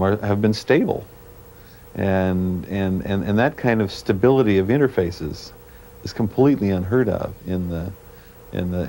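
A man from Canada, a programmer being interviewed, talking in a halting way and searching for his words, heard on a worn VHS tape copy. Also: deep voice, dark tone. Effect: worn VHS tape copy with faint hiss. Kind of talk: casual interview talk. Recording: worn tape with faint hiss.

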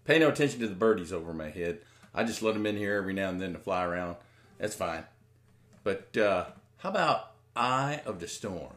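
A man's voice: low voice, animated, brisk. A man in his fifties, a guest musician, chatting in a laid-back, joking way from a room at home on a webcam. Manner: laid-back joking chat, then singing with guitar. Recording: loud guitar music behind the voice.

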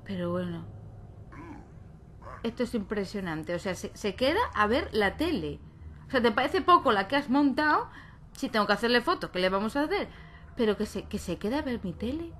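Woman gaming youtuber, chatty, scolds the game a lot, slightly high voice, faint hiss. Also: lively intonation, normal speed, a bit bright. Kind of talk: live game commentary.

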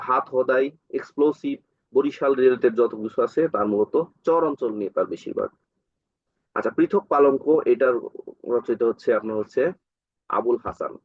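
Husky Bangladeshi tutor, dull dry sound. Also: male voice, medium pitch, no echo. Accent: Bangladeshi Bengali. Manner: explanatory, asks and answers his own questions, frequent fillers. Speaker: exam-prep tutor. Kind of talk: exam question walkthrough lesson.

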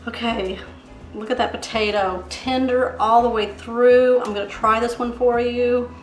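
A chatty woman walks through a home recipe step by step, her voice sitting a little high. The kitchen sounds roomy and echoey, with soft music faintly under her. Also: steady tone, unhurried. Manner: chatty, step-by-step, savoring the food. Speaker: cooking channel host. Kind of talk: casual cooking demonstration. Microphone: camera framed on hands and countertop.

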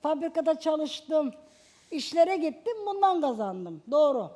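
High, mellow-voiced older woman, defensive. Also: very animated, a little slow. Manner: defensive, insistent denials. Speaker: guest.

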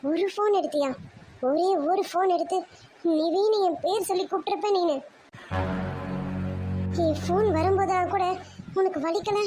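A woman's voice: extremely high pitch, warm tone. A woman voicing a hurt young woman in a cartoon drama, accusing and reproachful. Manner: reproachful, angry questioning.

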